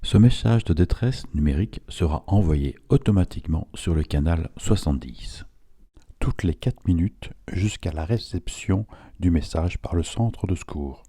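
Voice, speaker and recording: A man's voice: low voice, lively intonation, normal speed, dark tone, breathy edge. A man reading a scripted instructional narration in a didactic, step-by-step way, as an instructor would.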